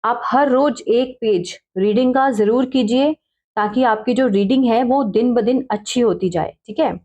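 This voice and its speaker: A woman teaching English spelling slowly, spelling out letters one by one and repeating each word with frequent check-ins. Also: on the high side, dark tone. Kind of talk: slow step-by-step spelling lesson.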